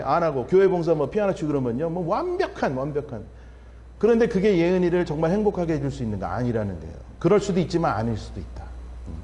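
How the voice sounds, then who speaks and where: A middle-aged man preaches in a big church hall, and a long reverb trails behind every line. His voice is high for a man and rushes along, swinging wide from shout to murmur as he acts out family quarrels for the congregation. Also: a little hiss or hum. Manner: animated preaching with sudden loud and soft swings, acting out family dialogues. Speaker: pastor. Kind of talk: revival sermon. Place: church sanctuary.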